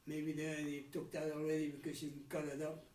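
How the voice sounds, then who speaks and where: An elderly Dutchman in his nineties from the Netherlands talks openly about his childhood, repeatedly restarting sentences and drifting into pauses. His voice is fairly high, monotone, and darkish, captured from a distance in an echoey room.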